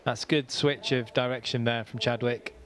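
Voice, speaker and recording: Male co-commentator, mid-range voice, conversational and quick to laugh; faint venue ambience. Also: mid-range voice, steady tone, a little hiss or hum. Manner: chatty, laughs easily, conversational. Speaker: squash co-commentator. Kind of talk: live sports commentary.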